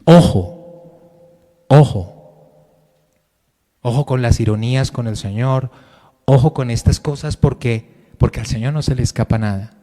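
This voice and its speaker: A man preaches a Sunday sermon at a middle pitch, now loud, now hushed, often asking his listeners questions. His voice rings with the long reverb of a church hall. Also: measured pace, long pauses. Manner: preaching with sudden rises and drops in loudness, direct questions to the congregation. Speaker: pastor.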